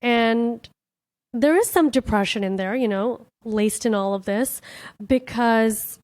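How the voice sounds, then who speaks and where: A woman's voice: a little high, slow, darkish tone, no room sound. A woman comedian hosting her own podcast, talking candidly and from the heart in a casual reflective monologue, full of "like" and "you know". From born in India, raised in Miami.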